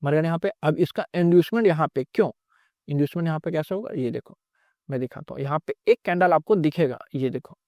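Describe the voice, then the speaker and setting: A man's voice: a little high, quick pace, darkish tone, no room sound, studio quality. A man teaching trading in a recorded lecture, explaining step by step and repeating himself often.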